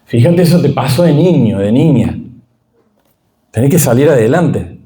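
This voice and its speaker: A man's voice: mid-range voice, animated, normal speed, dark tone, natural voice. A man with a Rioplatense accent voicing a harsh, judgmental churchgoer who curtly dismisses other people's pain. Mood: dismissive. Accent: Rioplatense Spanish. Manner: curt, dismissive scolding.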